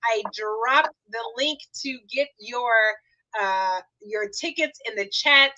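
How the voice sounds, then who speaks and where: Bright-voiced woman hosting a live stream. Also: a little high, takes it slowly, dry recording, muffled recording. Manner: upbeat, promotional, warm thanks to guests. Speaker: host and founder of the show. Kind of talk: livestream talk show hosting.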